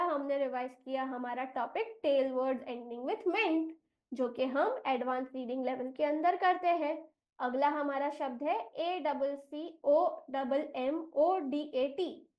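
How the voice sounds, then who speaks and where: A woman from India trains teachers in English reading, spelling words out slowly and mixing Hindi with English phrases. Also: sits high, highs cut off. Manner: slow, deliberate spelling out of letters and syllables.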